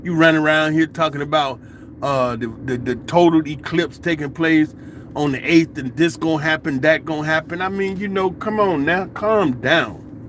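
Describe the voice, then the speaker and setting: A man's voice: fairly high pitch, normal speed, a little hiss or hum. A man vlogging a casual opinion monologue, telling stories animatedly in colloquial speech. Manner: animated storytelling, colloquial, laughing asides.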